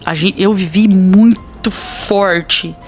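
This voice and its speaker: A woman's voice: medium pitch, steady tone, slow pace, darkish tone, soft background music. A woman pastor with a Brazilian accent, telling a personal testimony in a podcast interview in an earnest, dramatic way. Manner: earnest, dramatic storytelling with quoted dialogue.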